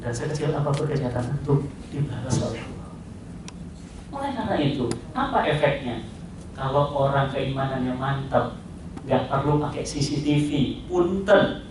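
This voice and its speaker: A male preacher giving an animated sermon, firing questions at the crowd and imitating car horns. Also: mid-range voice, moderate pace, long pauses. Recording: echoey hall, distant mic, noisy.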